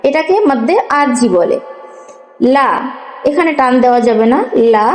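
Faint music plays behind a high-voiced woman speaking at a moderate pace as she teaches Quran reading. Letter by letter, she works through the recitation patiently, posing questions as she goes, in an echoey space with long reverb.

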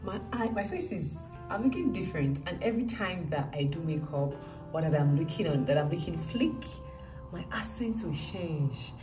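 Filming her travel vlog on a phone at arm's length, this young Nigerian-accented woman talks casually and with lots of expression inside hotel rooms. Her low voice moves at normal speed over music, and the recording is rough.

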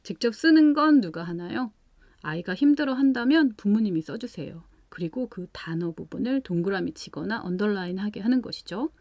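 A woman's voice: mid-range voice, normal speed, dry recording. Patient woman explaining a lesson. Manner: calm, patient, explains step by step with examples. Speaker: parenting channel host teaching English at home.

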